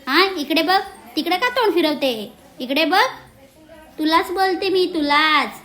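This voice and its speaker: A high-pitched young woman from Maharashtra, India, hosting a casual village vlog. She is chatty and familiar with her viewers. She cheers on and scolds her animals as she goes. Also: animated, unhurried, bright, forceful tone, faint music behind. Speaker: vlogger.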